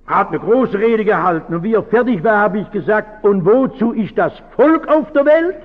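A man speaks as a pastor in a notably high voice, earnest and searching as he turns question after question back on his listeners. His words ring out with a long reverb, and the recording sounds dull and muffled. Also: lively intonation, moderate pace. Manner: earnest, keeps asking rhetorical questions. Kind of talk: reflective talk to an audience.

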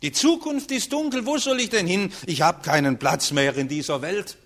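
A man preaching a sermon as pastor, emphatic, swinging between raised urgent passages and hushed low ones. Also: normal speed. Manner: emphatic preaching with strong rises and hushed drops.

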